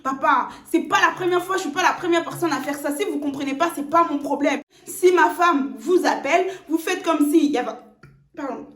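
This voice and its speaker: A smug young man who justifies himself at every turn, put on by a woman storyteller. The voice sits high and dismissive. The room around it is roomy and echoey. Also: brisk, a bit bright. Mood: defiant. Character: young man, smug two-timing fiancé. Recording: roomy echo.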